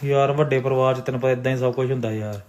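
A speaker pleading in a hushed voice in a comedy sketch. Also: mid-range voice, steady tone, very fast, very noisy.

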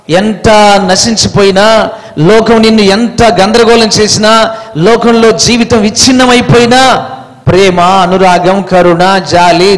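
A man preaching a sermon with passion, swinging between loud pleading and low, intimate tones. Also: long reverb tail, poor audio.

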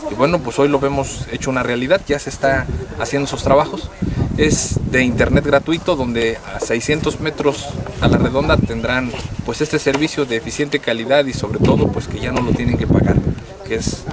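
Heavy background noise surrounds a man in his thirties, a municipal president with a Mexican Spanish accent, as he speaks publicly on a rural dirt road through a lapel mic. His medium-pitched delivery is fairly even and moderately paced, peppered with filler words.

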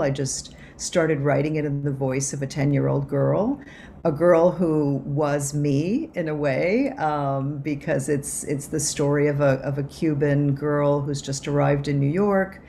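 A woman from Cuba, an author and anthropologist, answering interview questions over a video call in a reflective way with many pauses and restarts. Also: low-pitched, gravelly, dark tone, a little hiss or hum. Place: home office.

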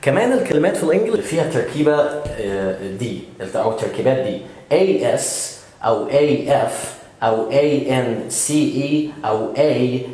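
A man's voice: mid-range voice, expressive, fairly quick, mellow. A man with an Egyptian Arabic accent teaching English pronunciation, patiently modeling words with frequent filler sounds. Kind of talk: explanatory language lesson. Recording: very echoey room.

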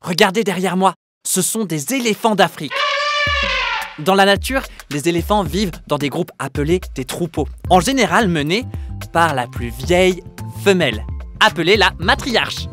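Lady hosting a kids show, voice jumps all over, lowish, music under it. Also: lively intonation, normal speed. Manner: playful, exclamatory, jokey asides to animals. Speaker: children's educational host. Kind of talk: lively presenting to children.

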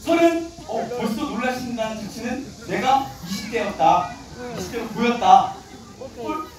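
A man's voice: extremely high pitch, lively intonation, moderate pace. A man in his late thirties acting as emcee at a live outdoor show, teasing and joking with the audience about himself. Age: 30s. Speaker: emcee of a traditional performance. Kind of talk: live crowd banter. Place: outdoor performance ground. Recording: echoey, distant mic, loud crowd. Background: audience crowd.

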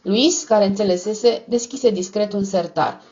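A woman narrating a novel as an audiobook in a steady, measured read. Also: mid-range voice, highs cut off. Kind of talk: scripted narration.

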